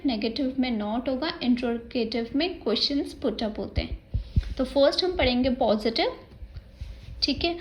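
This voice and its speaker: In a rough recording with slight background noise, a woman's high voice leads an exam-prep grammar class. She has an Indian accent, explains the rules one step at a time, spells words letter by letter, and blends English terms into her Hindi.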